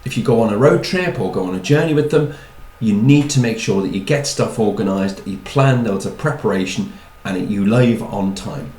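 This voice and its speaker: A man's voice: fairly low pitch, expressive, normal speed, few pauses, darkish tone, reverberant, low-quality recording. A man giving a chatty talk on personality types, with wry asides and repeated words. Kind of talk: talk to an audience.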